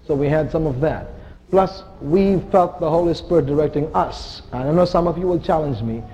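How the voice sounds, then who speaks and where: Guy preaching in church, kinda high voice, earnest and emphatic, cracks little jokes. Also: moderate pace, mellow, a little hiss or hum, rough recording. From India. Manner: earnest and emphatic, with joking asides. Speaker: visiting missionary preacher. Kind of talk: sermon to a congregation. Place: church sanctuary.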